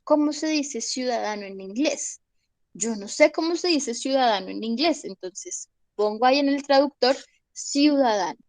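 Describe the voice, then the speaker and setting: A young woman teaches a class from home, speaking close into her phone mic. Her voice sits a little high and sounds dry, with no room around it. She walks through each step and keeps asking whether everyone is following. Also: no echo, low-quality recording. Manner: explains step by step, checks in with "¿listo?" often. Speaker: English teacher. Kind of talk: online class explanation. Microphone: phone microphone.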